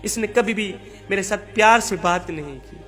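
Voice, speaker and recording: A man's voice: high voice, normal speed, sharp tone, faint music behind. A man voicing a mistreated wife who pleads and laments her lot. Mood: pleading, lamenting. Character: wronged, pleading young wife.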